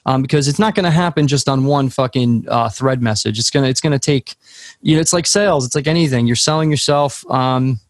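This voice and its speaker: A man's voice: medium pitch, fairly quick, dry recording. A man co-hosting a casual music podcast chat, telling stories in a frank, profane way. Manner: profane, animated storytelling.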